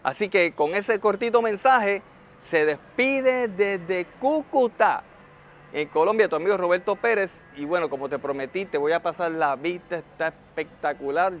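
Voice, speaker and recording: A man giving motivational advice in a vlog, warmly encouraging the viewer and calling them friend. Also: high-pitched, normal speed, slight background noise. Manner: acts out nervous beginners' voices in quotes. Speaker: network marketing motivational speaker. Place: hotel, ends showing a rooftop view.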